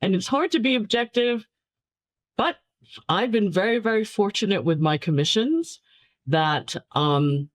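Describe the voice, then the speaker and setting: Her medium-pitched voice is lively in intonation and a little slow, recorded with no echo. A New York City filmmaker whose first language was Chinese, she appears as an interview guest, warmly telling stories, repeating words for emphasis and laughing lightly in casual conversation.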